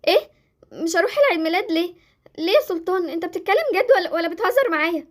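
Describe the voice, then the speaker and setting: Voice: very high-pitched, animated, very fast. A young performer with an Egyptian accent voicing Jessie, a clingy, dramatic girl in a Roblox roleplay series. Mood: excited.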